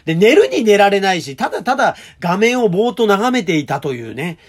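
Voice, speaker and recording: A stage performer hosts his own talk show, casually talking alone and telling stories in a lively, chatty style. He uses polite, old-fashioned phrasing and pokes fun at himself, speaking in a high voice at a fairly quick clip.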